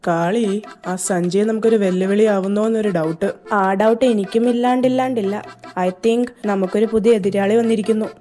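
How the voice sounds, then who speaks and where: A woman's voice: medium pitch, steady tone, brisk, mellow, soft background music. A woman reading a fan fiction audio drama, playing every role in teasing, bantering dialogue.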